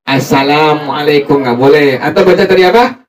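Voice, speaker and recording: A man's voice: high-pitched, a little slow. A man teaching a religious study class, drilling his students with repeated questions and slangy asides. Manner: casual Jakarta-style slang. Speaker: Islamic teacher.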